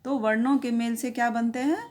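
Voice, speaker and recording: A woman's voice: fairly high pitch, fairly even intonation, a little fast, darkish tone. Patient woman teaching young children. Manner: patient, checks in often with tag phrases. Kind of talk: explaining a grammar lesson for young children.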